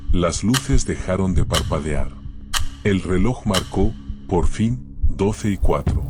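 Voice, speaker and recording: Male narrator, very low voice, somber scripted horror reading.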